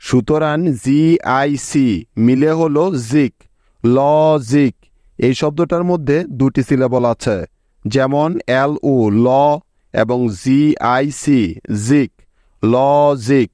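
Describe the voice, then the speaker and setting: A man teaching English reading and spelling step by step in a slow, patient lesson, often checking that the learners follow. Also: medium pitch, fairly even intonation, mellow, dry recording, studio quality.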